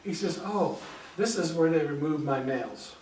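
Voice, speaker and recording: An older Hungarian-born man gives a chatty guest talk with slides in a library meeting room, often checking in with "okay?". His voice is a little high with lively intonation at a normal pace. The room echoes, he stands far from the mic, and there's heavy background noise.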